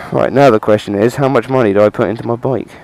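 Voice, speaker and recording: A man's voice: mid-range voice, fairly even intonation, brisk, a little mellow, poor audio. A man with a British accent chats casually and rambles informally to viewers from inside a helmet while riding a motorbike, with some mild swearing. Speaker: motorcycle vlogger. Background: motorcycle and vehicle noise.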